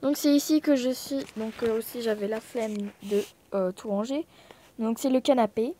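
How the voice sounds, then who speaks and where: Chatty young woman with a higher voice. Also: normal speed, dark tone, slight background noise. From Thailand. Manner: chatty, scattered, lots of fillers and apologies. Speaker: vlogger. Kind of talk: casual chat to camera. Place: apartment room at home. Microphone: phone held in hand.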